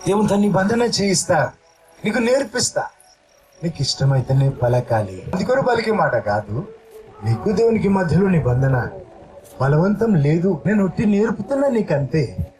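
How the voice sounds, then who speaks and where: A man's voice: high voice, very animated, normal speed, darkish tone, low-quality recording. A male pastor preaching a sermon and leading his congregation through a repeat-after-me prayer.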